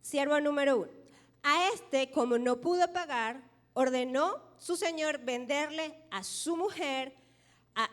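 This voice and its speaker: High-voiced woman preaching in a reverberant church. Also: fairly bright tone. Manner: leads the congregation in call-and-response repetition; reads scripture aloud, slowing for emphasis. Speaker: pastor. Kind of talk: sermon. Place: church sanctuary. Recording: long hall reverb of a church.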